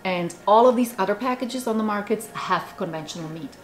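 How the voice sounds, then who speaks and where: A food company founder from the Czech Republic, a woman in her forties, speaks a little fast in a medium-pitched voice with a Czech accent. In a small indoor office with bookshelves, she chats animatedly through a casual interview, using many fillers.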